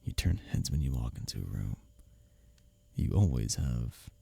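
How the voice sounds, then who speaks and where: This is a man in an intimate romantic roleplay, acting as a teasing rival from work who's smitten, his delivery husky, breathy, halting, and frequently hushed to a whisper. Expressive and mellow, his voice rumbles low and is exaggerated, recorded without echo. He sounds seductive and longing.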